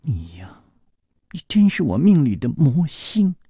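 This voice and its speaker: A man's voice: mid-range voice, huge pitch swings, normal speed, dry recording, clean studio sound, full character voice. A man putting on a shy, coy young village woman. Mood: coy, flustered. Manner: breathy, half-whispered, coy.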